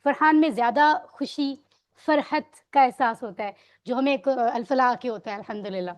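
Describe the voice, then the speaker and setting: A woman teaching a grammar lesson, patiently quizzing her students on words and mixing English words into her explanations. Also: high-pitched. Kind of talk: online Arabic grammar lesson.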